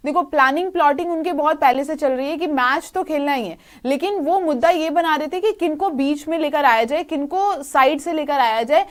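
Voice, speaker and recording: A woman's voice: sits high, a little fast, few pauses. A woman with an Indian accent co-hosting a casual cricket discussion, agreeing often and adding short remarks. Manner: agreeable, short backing replies. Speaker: cricket show co-host.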